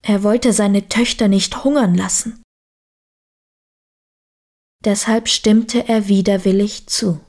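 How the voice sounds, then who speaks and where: Female storyteller, very slow, mid pitch, calm bedtime-story read. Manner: slow, deliberate reading. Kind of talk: storybook narration.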